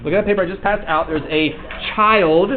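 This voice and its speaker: A man's voice: high-pitched, steady tone, brisk, noisy background. A man teaching a class, casually calling on students one by one and encouraging their answers. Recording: tinny lo-fi recording with class chatter. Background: students chattering.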